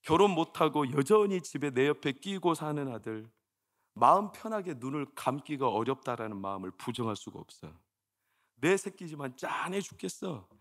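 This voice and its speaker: A high, animated male voice leaps up and down as a pastor in his forties preaches, talking to the congregation like friends and tossing out rhetorical questions. He drops to hushed tones for sad stories, then bursts out loud and exasperated. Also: moderate pace. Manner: swings from hushed storytelling to loud exasperated outbursts. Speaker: senior pastor. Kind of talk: sermon.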